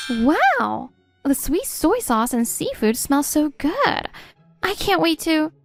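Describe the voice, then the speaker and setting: A woman's voice: high-pitched, big pitch swings, normal speed, gravelly, music in the background, full character voice. A woman voicing an eager, polite young woman in a comic dub. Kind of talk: comic dub character acting.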